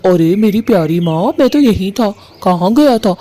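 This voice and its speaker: A man's voice: high-pitched, lively intonation, moderate pace, dark tone. A man voicing a young male bird in a cartoon who coaxes and then defies his mother. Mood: wheedling. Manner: defiant, wheedling. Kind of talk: Hindi cartoon voice acting.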